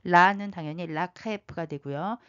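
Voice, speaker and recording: A woman with a fairly low voice gives a patient, explanatory language lesson. She reads the French phrases out slowly and carefully. The recording sounds dull and lo-fi. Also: fairly bright tone, clean tone. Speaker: French teacher.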